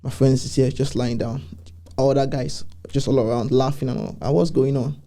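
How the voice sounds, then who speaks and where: A man, a podcast guest telling a story in a casual chat, animated and laughing often. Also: mid-range voice, fairly quick.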